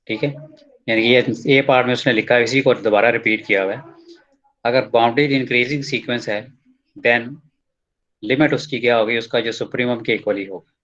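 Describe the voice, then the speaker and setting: A man reads textbook lines slowly in a recorded math lecture, then explains the proof in casual Hindi laced with English terms, frequently saying "ठीक है" to check in. His medium-pitched voice holds a steady, slightly bright tone, and the highs are cut off.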